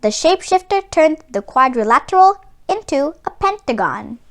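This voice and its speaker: A woman reading a children's book aloud in an expressive storytelling style. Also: sits high, normal speed.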